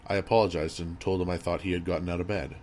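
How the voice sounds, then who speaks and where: A man reading a scripted horror story as narrator, in a measured, grave storytelling manner. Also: low-pitched, little pitch movement, darkish tone. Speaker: creepypasta narrator. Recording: audible background noise and ambience.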